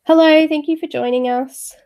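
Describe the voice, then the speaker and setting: This woman speaks at a normal pace in a high, fairly even, slightly mellow voice. Hosting her YouTube coloring channel live, she's friendly and chatty with viewers, drops in plenty of fillers, and sounds a little nasal because of a cold.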